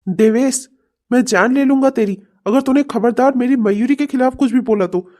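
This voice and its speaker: A woman's voice: on the high side, moderate pace, mellow, close to an everyday voice. A woman voicing a frustrated husband in a cartoon comedy, scolding his wife and then begging her to come home. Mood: angry. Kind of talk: Hindi cartoon comedy voice acting.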